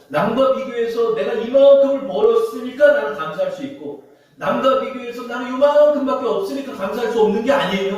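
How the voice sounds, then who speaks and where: High-voiced male pastor in an echoey church. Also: darkish tone. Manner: emphatic, rhetorical questions, addresses the congregation. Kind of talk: sermon. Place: church sanctuary. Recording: very echoey church hall, far from mic.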